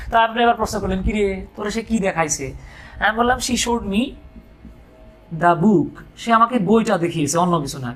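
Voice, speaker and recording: A man's voice: high-pitched, bright, forceful tone. A man from Bangladesh teaching an English grammar lesson, explaining step by step and breaking in with joking asides and questions to his students.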